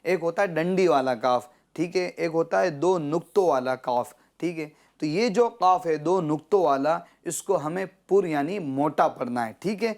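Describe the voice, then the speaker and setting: A man teaching children Quran pronunciation, patiently checking understanding and drawing out syllables slowly when he models them. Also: a little high, expressive, darkish tone. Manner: patient, repeats "theek hai?" to check understanding. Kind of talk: children's Quran recitation lesson.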